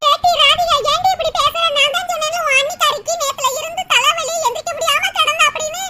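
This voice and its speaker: A woman's voice: extremely high pitch, fairly even intonation, fast, pushed and bright, distant mic, full character voice. A woman voicing a fussy, fretting mother-in-law, wailing and scolding in turn. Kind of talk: cartoon comedy voice acting.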